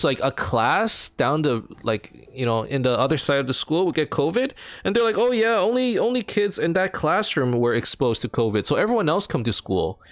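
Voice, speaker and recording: Recorded dry, this young Canadian gamer streams from home and casually chats with viewers in the live chat. He wanders from topic to topic with lots of fillers, and his pitch spikes as he becomes animated.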